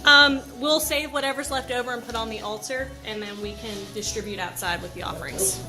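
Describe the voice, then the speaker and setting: A woman's voice: on the high side, a little fast, poor audio. A woman chatting casually at a small ritual gathering, teasing and friendly. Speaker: ritual participant. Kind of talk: casual chat. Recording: music in the background.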